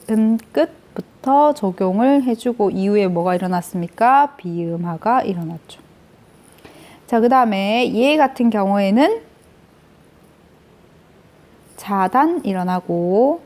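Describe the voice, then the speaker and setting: A woman lectures on grammar step by step, posing questions and then answering them herself. Her mid-range voice is mellow.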